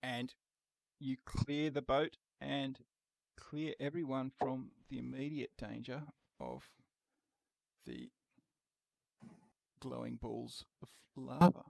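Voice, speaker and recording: A man with a gravelly, dry-sounding voice running a tabletop game. He explains the rules slowly and patiently, with an easy laugh between turns. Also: mid-range voice, lively intonation, a little mellow, no echo. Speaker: game master.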